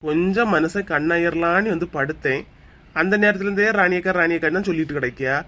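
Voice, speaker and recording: A performer voicing an easygoing, teasing village husband in a cartoon comedy, calm and mildly mocking, with a Kanyakumari Tamil accent. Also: male voice, fairly high pitch, quick pace. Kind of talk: comic cartoon dialogue.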